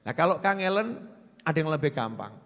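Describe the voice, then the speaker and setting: A man with a Javanese accent preaching in a lively, joking way, switching between loud emphasis and quiet asides. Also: fairly high pitch, a little fast, big-room sound. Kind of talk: sermon.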